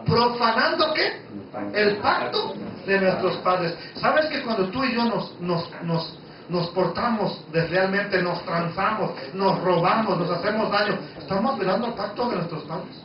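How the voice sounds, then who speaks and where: A man with a very high voice preaches a Bible study in an emphatic, conversational way and keeps asking his listeners questions. His voice booms around a very echoey room, picked up from some distance off. The sound is a bit dull, with a faint hiss underneath.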